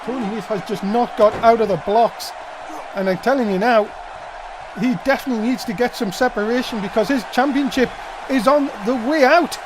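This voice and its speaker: High-pitched, excited male wrestling commentator. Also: normal speed, noisy background. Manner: dramatic, exclamatory calls.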